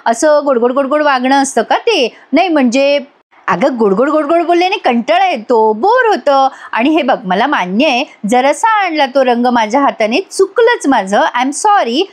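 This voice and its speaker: A woman's voice: sits high, lively intonation, normal speed. A woman voicing a proud, sulky young husband who grumbles and defends himself. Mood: wheedling.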